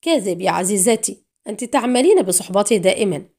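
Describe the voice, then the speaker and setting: A woman's voice: mid-range voice, expressive, fast. A woman reading an audiobook, voicing a cruel, scheming female spy who mocks coldly and snaps in anger. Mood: cold mocking. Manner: cold menace rising to sharp anger.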